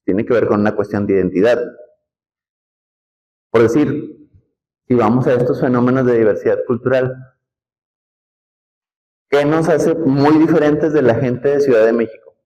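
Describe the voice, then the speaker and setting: A man with a northern Mexican accent teaching a class in a classroom. He talks in a relaxed, conversational way, explains step by step and often checks in with the students. His voice sits at an ordinary middle pitch. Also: moderate pace, long pauses, muffled recording. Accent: northern Mexican, Nuevo León. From Nuevo León, Mexico. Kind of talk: classroom lecture.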